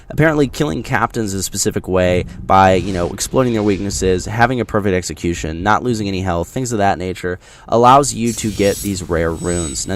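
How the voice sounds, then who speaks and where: A man talking casually through his impressions of a video game, explaining things directly to viewers in a conversational way. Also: on the low side. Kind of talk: casual scripted-free game impressions commentary over gameplay.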